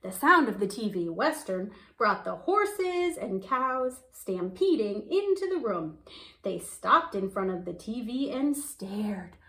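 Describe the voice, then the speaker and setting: With a medium-pitched, sing-song and fairly bright voice, a woman reads a picture book aloud slowly. She tells the story expressively, stretching out words for emphasis.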